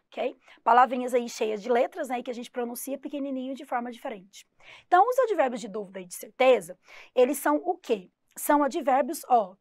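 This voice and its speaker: A woman English teacher from Brazil giving a lively exam-prep lesson, stressing English words slowly and clearly. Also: high voice, dry recording, studio quality.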